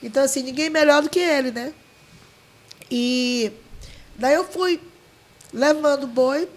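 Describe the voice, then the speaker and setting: High-voiced woman. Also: measured pace. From Maranhão, Brazil. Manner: heartfelt, full of restarts and quoted dialogue. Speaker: guest, leader of a folk dance group. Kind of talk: emotional storytelling.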